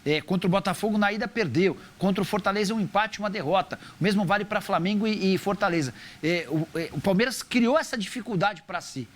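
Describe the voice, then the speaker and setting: A man's voice: sits high, fast, few pauses. A Brazilian man working as a football pundit, debating in an insistent, argumentative way. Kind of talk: lively sports debate.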